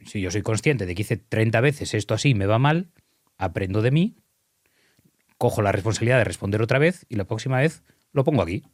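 A man's voice: lowish voice, expressive, brisk, no room sound, clean studio sound. Earnest man coaching. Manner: earnest, explanatory, emphatic. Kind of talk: conversational coaching, guiding an exercise.

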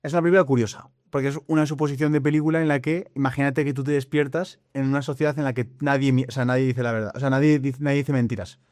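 A man hosts the interview, talking quickly and casually. His voice sits at a middling pitch and comes through a dry, close studio microphone. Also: fairly even intonation, a little mellow, no echo. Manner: quick, casual, swears freely. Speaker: podcast host.

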